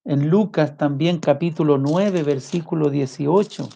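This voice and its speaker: A man preaching a sermon with passion, firing off rhetorical questions and swinging his voice high and low. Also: unhurried, creaky. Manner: impassioned, rhetorical questions, big swings in pitch and loudness. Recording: muffled lo-fi recording.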